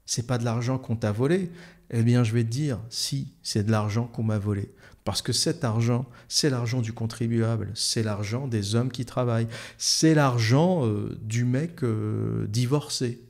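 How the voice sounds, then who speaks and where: A man's voice: medium pitch, unhurried, creaky, darkish tone. A man delivering a heated, sarcastic solo monologue as an online commentator, using crude slang and frequent hesitation fillers.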